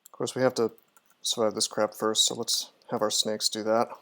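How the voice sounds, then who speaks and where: On stream, a man casually narrates his gameplay, thinking aloud through his moves and answering chat. His voice is on the low side with a sharp tone, keeping a level intonation at a moderate pace.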